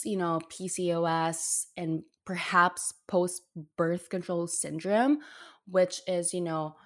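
Young woman talking through her own story, kinda low voice, earnest and a bit emotional, lots of ums and likes. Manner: earnest, emotional, speaks in bursts with many fillers. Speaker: storyteller sharing a health journey. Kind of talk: casual personal storytelling.

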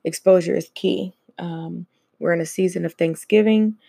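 A woman hosting a casual solo podcast, chatting with plenty of fillers and easy laughs. Her voice is low, dark and gravelly, with a bit of fry. The sound is close and dry. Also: steady tone, moderate pace, dry recording. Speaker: podcast host.

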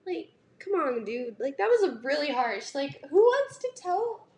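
A woman's voice: high voice, a little slow. A young woman hosting a podcast, reading listener stories aloud and reacting in a chatty way full of "like". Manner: animated, laughs often, says "like" a lot. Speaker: podcast host.

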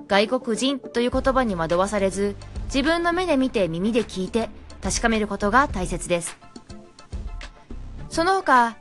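A woman, an English teacher, giving parents advice in a clear, friendly, scripted talk. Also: a little high.

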